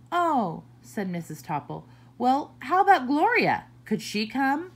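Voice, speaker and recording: In a storybook read-aloud, a woman who is a children's librarian reads at a slow, lively pace. She sounds expressive and deliberate, her pitch swooping up and down.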